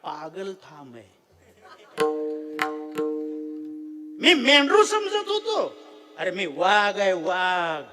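A man's voice: fairly high pitch, expressive, fairly quick, over loud music, close to an everyday voice. A man voicing a timid young male tiger raised among sheep, protesting with whimpers and bleats. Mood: awakened.

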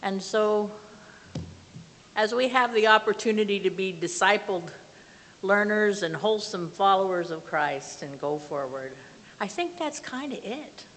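With a medium-pitched, fairly bright voice, an older lay speaker gives a plainspoken, earnest testimony and prayer from a small church's pulpit, her phrasing slow and measured. The recording comes from a far camera at the back of the reverberant hall, with faint hiss.

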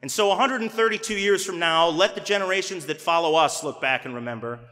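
A man's voice: a little high, fast. Rousing young man at an arena podium. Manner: rousing oratory, rises to shouts. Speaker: student commencement speaker. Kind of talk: formal commencement speech. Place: large arena stage at a podium. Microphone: podium microphone. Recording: reverberant arena hall.

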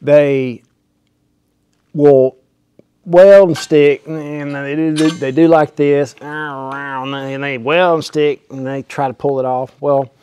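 A folksy welding instructor with a slightly high, dark, clean voice keeps a steady tone and takes it slowly. He gives a hands-on how-to in a small indoor workshop with machine tools, emphatic and gesturing as he demonstrates, on a clip-on lapel mic.

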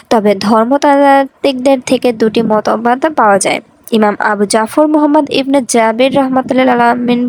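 A woman reading a scripted religious story in a measured, earnest storytelling manner. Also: fairly high pitch, no echo, rough recording.

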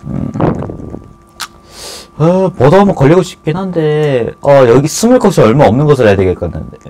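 A man giving casual commentary on an online game he is playing, swinging between loud cheers and nervous muttering. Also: a little high, big pitch swings, normal speed, a little hiss or hum, low-quality recording. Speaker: gaming YouTuber.

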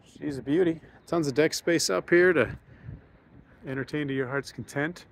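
A man who sells yachts, walking through a docked sailboat and describing it in a casual, unhurried way, often pausing with ums and uhs as he points things out. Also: a little high, vocal fry. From United States. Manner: relaxed, thinks aloud with frequent ums and uhs. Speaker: yacht salesman giving a boat tour. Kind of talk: casual walkthrough narration. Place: aboard a docked sailboat, outdoors then in the cabin.

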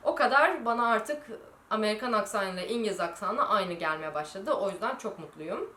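A woman's voice: medium pitch, animated, a little fast, bright, forceful tone, roomy sound. A young woman from Turkey chatting casually as she answers viewer questions in a vlog. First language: Turkish. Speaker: vlogger.

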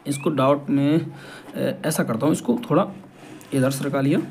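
A man's voice: a little high, a little slow, a little mellow, a little hiss or hum. A man teaching the harmonium in a casual lesson, patient, repeating each point and asking the viewer questions.

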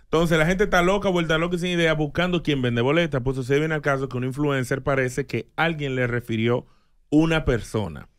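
A Dominican man hosting a radio show, telling a story in an animated, casual way and reading posts aloud. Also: fairly high pitch, a little fast, clear, resonant tone. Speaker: radio host. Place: radio studio.

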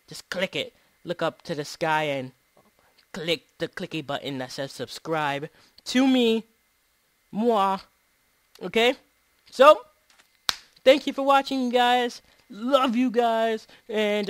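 A man's voice: high-pitched, animated, measured pace, fairly bright tone, no room sound. A man giving rambling, goofy commentary while playing a survival game. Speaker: gameplay commentator. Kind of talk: casual let's-play commentary.

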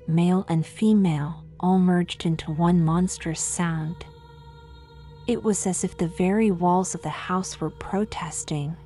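Woman, horror narration, very slow, low voice, grave. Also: mellow.

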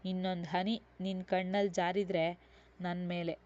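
A woman's voice: on the low side, level tone, unhurried, close to an everyday voice. A woman voicing a protective, consoling young man. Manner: gently consoling. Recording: dull lo-fi recording.

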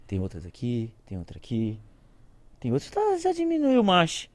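A man with a Brazilian Portuguese accent, a podcast guest telling an emotional story with conviction, shifting from loud outbursts to near-whispers. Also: medium pitch, huge pitch swings, moderate pace. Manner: speaks with conviction, addresses viewers directly.

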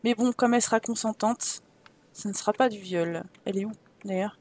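A woman's voice: medium pitch, a little fast, darkish tone. A woman giving casual, chatty commentary while playing a life-simulation game, teasing her characters and getting exasperated. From France. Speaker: game streamer.

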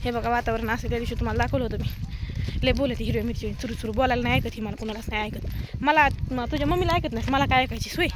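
Fast-talking high-voiced Marathwada vlogger woman. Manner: teasing, scolding banter. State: tired from carrying a heavy bag. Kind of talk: casual vlog chat while walking. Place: outdoors on a road on market day. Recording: noisy outdoor street recording.

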